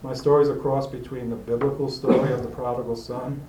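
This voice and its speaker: A man's voice: mid-range voice, flat delivery. Rambling man telling a recovery story. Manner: rambling, halting, many fillers and restarts. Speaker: recovery meeting speaker. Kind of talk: personal recovery story told to a group. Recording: roomy, distant mic with faint hiss.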